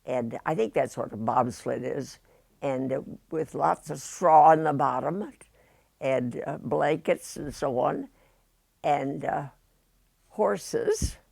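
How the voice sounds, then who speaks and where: A very old woman, about a hundred, with a Midwestern American accent, reminisces haltingly in an interview, pausing often. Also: sits low, creaky, darkish tone, dry recording. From United States, rural Indiana. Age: very old, about 102. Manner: halting delivery with long pauses and many hesitations.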